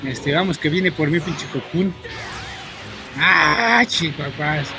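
A man from Mexico with a Mexican accent, chatting to viewers while he plays, rambling, filling every pause with "este" and swearing at the game in bursts. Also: on the high side. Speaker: gaming streamer. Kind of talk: casual gameplay commentary to viewers. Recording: loud game music under the voice. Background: game music.

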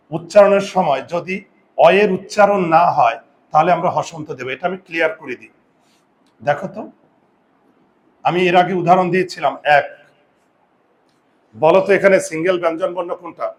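A man teaching a grammar lesson, asking students rhetorical questions and slowly stressing and repeating key words, with confident asides. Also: high voice. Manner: addresses students directly with frequent rhetorical questions. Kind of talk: classroom-style video lesson.

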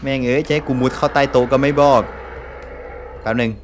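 A man's voice: medium pitch, fairly even intonation, brisk, slight background noise. Jumpy Thai-speaking male gamer. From Thailand. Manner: jumpy, swears, exclaims often. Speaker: gameplay streamer. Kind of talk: horror game let's play commentary.

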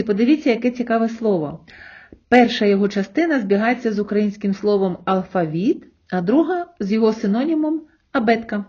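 A woman teaching a language lesson online, explaining patiently step by step and slowing down to sound out example words. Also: medium pitch, darkish tone, highs cut off.

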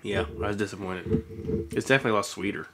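Speaking fast in a voice on the low side, a man in his thirties co-hosts a live stream from a small studio room. He tries hot sauces at his desk mic, a studio mic on a stand, laughing and making crude jokes over noisy stream audio.

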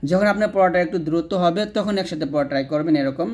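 A man with a Bangladeshi Bengali accent and a fairly high voice leads a recitation lesson. He breaks each word into its letters and vowel marks, draws out the sounds syllable by syllable, and has the listener repeat after him. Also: fast, a little mellow. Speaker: Quran teacher. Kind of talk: slow spelled-out recitation lesson.

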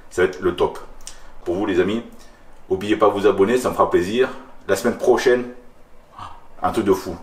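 A man in his forties, a fitness vlogger talking in a casual, hyped-up way in his home kitchen. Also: fairly low pitch. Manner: enthusiastic, hyped-up. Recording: echoey room, voice from far off.

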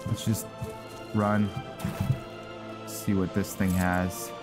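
A gamer speaks in a low, flat voice, drawing out his words, while game music plays behind him. His let's play commentary is relaxed, mostly thinking out loud with the occasional mild exclamation.

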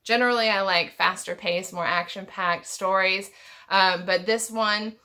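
Woman in her thirties, bright voice, rambling, self-correcting, home vlog. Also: mid-range voice, steady tone, unhurried. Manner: thoughtful, rambling, restarts often. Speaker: book vlogger. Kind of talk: unscripted book tag vlog. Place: home room with packed bookshelves.

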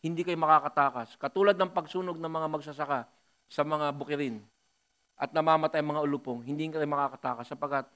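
Filipino pastor guy preaching, kinda high voice, punchy and loud on the big lines. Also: steady tone, quick pace. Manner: emphatic, rising to loud bursts, joking asides. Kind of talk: Taglish sermon.

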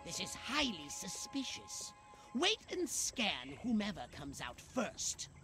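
An actor voicing a small, bossy alien commander in a video game, giving clipped, commanding orders in a gravelly voice. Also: male voice, high-pitched, wildly swooping pitch, takes it slowly, music in the background, heavily acted. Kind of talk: video game cutscene acting.

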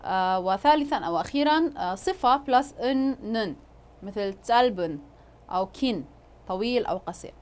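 A woman with a fairly high voice teaches a language lesson. She explains each word patiently and stops often on long fillers as she thinks. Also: expressive, a little fast, darkish tone.

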